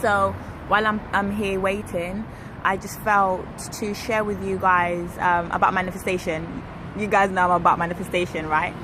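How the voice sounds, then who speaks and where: A woman's voice: mid-range voice, moderate pace. Young woman vlogging outdoors by traffic. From Kenya. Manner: chatty, animated, self-correcting. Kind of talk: casual storytelling to camera. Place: outdoors on an urban street, waiting for a ride. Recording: street traffic noise behind.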